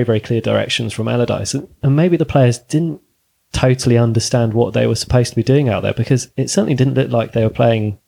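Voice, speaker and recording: A man hosting a podcast, talking about football in a hesitant, halting way. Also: mid-range voice, gravelly, darkish tone. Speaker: podcast host. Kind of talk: casual football chat.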